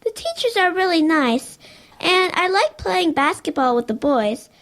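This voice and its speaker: In an audio drama, a woman plays a timid little schoolgirl who sounds hesitant, plaintive, worried and hurt. Her extremely high voice moves up and down in a lively way, and the heavily acted delivery is unhurried.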